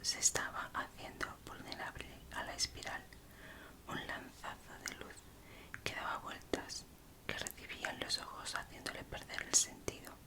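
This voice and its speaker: A woman with an accent from Spain reads true crime aloud as ASMR in a breathy, unvoiced whisper, softly and unhurried, in short phrases. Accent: Spanish, from Spain. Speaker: ASMR host reading aloud.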